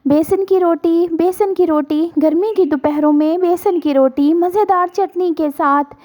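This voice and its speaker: A woman voicing a sly young bird in a cartoon tale. She chirps high and fast, eager and a little cunning. Her tone stays soft and warm, never sharp. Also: lively intonation. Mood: hawking.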